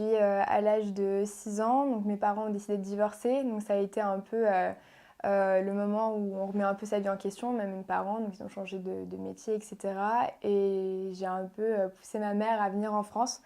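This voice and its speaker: A young woman from Portugal, a pageant contestant answering interview questions in a soft, hesitant way with many pauses and fillers. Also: medium pitch, little pitch movement. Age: young adult. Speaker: guest, beauty pageant contestant.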